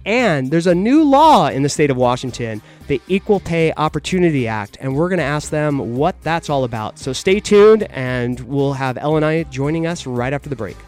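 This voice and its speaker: A man's voice: a little high, lively intonation, moderate pace, hardly any pauses, a little mellow, soft background music. A man hosting a legal advice radio show, explaining things on a close studio mic.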